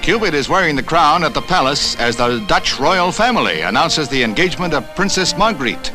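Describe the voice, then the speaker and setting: Old newsreel guy narrating, formal and steady, music going behind him. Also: on the high side, rough recording. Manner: measured, formal announcer delivery. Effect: old 1960s newsreel recording with music behind.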